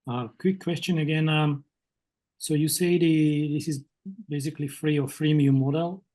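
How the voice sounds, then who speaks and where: A man on the jury asking brisk, direct questions at an online pitch event over a video call. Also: fairly even intonation, a little mellow. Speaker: jury member.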